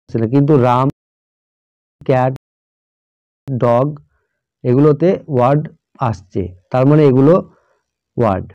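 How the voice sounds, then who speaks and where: A man's voice: mid-range voice, a little slow, long pauses, clean tone, no room sound. A man explains English grammar to students at a patient pace. He spells words out letter by letter and keeps checking whether they follow. The recording sounds dull and lo-fi, with a dry, close sound. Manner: checks in often with "all right?".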